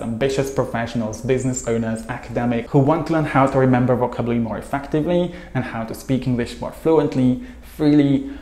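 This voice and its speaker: This male English teacher, a native Hungarian speaker, delivers a scripted lesson straight to camera. He sounds earnest and even, stringing his points together in lengthy runs at a middling pitch, with noticeable echo from a small home room coming through his lapel mic.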